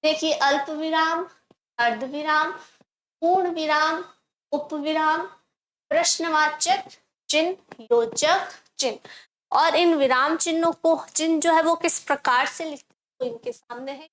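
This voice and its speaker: A woman's voice: high voice, a little slow, fairly bright tone, poor audio. A woman teacher explaining a grammar lesson step by step, asking the class questions and answering them herself. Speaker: Hindi teacher.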